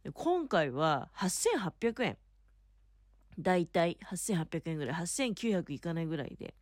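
A woman with a slightly low voice and very lively intonation chats casually and solo, like a host talking to regular listeners. She explains things politely and emphatically, recorded close and dry from her bed. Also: moderate pace, no room sound. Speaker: podcast host. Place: in bed under a futon at home.

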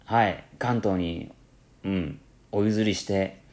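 A man from Kansai with a Kansai-tinged accent mixed with standard speech, hosting a casual solo radio talk, rambling with many fillers and self-corrections. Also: slow. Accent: Kansai mixed with standard Japanese. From Kansai, Japan. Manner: lively rising and falling pitch. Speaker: podcast host.

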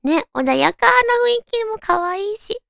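A woman with a high, cute anime-girl voice, hosting a casual solo radio chat and musing aloud to listeners. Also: expressive, unhurried, vocal fry, fairly bright tone, dry recording, clean studio sound. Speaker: radio show host.

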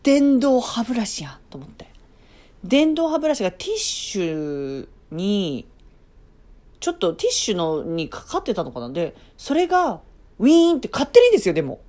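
A woman's voice: medium pitch, wildly swooping pitch, moderate pace, warm tone. A woman casually telling a story on her own as a podcast host, chatty, breaking off for playful asides and acting out sounds and reactions.

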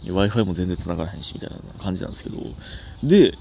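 A young man with a Kansai accent, hosting a casual solo comedy podcast, rambling and self-mocking with sudden animated outbursts. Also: sits low, rapid-fire, vocal fry, slight background noise.

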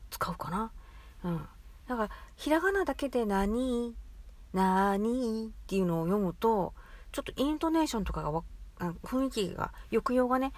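Woman host, Nagoya accent; relaxed solo talk, thinks aloud, slips into short playacted everyday exchanges. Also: mid-range voice, breathy edge. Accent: Nagoya Japanese. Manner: chatty, muses aloud, acts out little dialect exchanges. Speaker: podcast host. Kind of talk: casual solo talk on local dialect.

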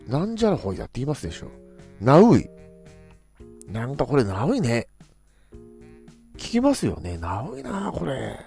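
A man's voice: mid-range voice, gravelly, warm tone. A man hosting a casual solo talk show, musing playfully and acting out quoted phrases. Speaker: podcast host.

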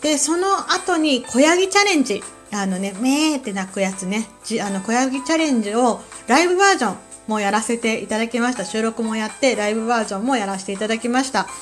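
A woman from Kansai with a Kansai accent, hosting a relaxed solo talk show with a calm manner and many soft fillers. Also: on the high side, fast, few pauses, soft background music. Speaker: podcast host.

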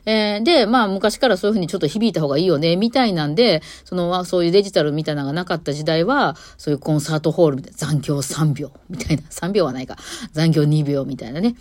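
A woman's voice: lowish voice, rapid-fire, few pauses, dry recording. Chatty woman. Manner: chatty and explanatory, with many fillers. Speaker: violinist and podcast host. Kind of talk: casual solo talk. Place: recording studio.

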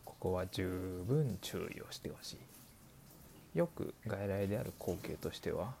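A man's voice: low voice, lively intonation, unhurried, gravelly, dark tone, a little hiss or hum, heavily acted. A man voicing an elderly male doctor who patiently explains, dragging out his old-fashioned sentence endings. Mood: explaining. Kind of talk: scripted explainer dialogue.

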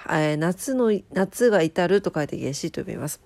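A woman's voice: lowish voice, animated, moderate pace, gravelly, a little mellow, no room sound. A woman hosting a casual, chatty solo radio show in polite speech, her voice nasal from a blocked nose. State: stuffed-up nose.

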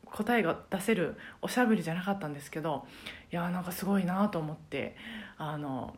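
A woman who teaches karaoke, talking alone on her podcast in a casual, thoughtful way, pausing often with soft fillers. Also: fairly low pitch. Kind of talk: casual solo podcast talk.

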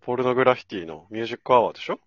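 A man co-hosting a casual chat podcast, throwing in quick joking quips and laughing often. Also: mid-range voice, no echo, dull audio. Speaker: podcast co-host.

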